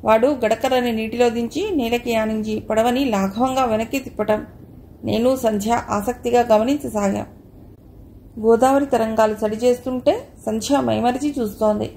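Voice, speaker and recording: Woman reading a novel aloud, calm and steady, mellow voice sitting a bit high. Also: moderate pace, a little hiss or hum. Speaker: audiobook reader. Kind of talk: scripted audiobook narration.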